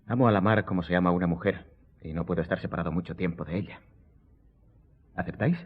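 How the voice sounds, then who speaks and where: An actor playing a worldly, self-assured count in a radio drama, with a courtly, theatrical and wryly ironic manner. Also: male voice, low voice, fast, slightly rough. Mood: courtly, inviting. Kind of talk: Spanish radio drama acting. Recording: muffled, phone-like radio recording.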